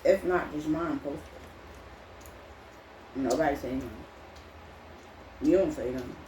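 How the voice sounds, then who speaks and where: A woman co-hosting a mukbang, talking casually and quick to push back. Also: low voice, a little mellow, distant mic. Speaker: mukbang co-host. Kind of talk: casual chat while eating. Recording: echoey room with faint ambient noise.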